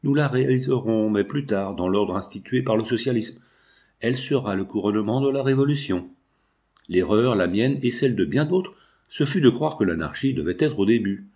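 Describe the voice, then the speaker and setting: A man's voice: on the low side, expressive, normal speed, warm tone. A man narrating a novel as an audiobook, his voice lifting for the quoted dialogue.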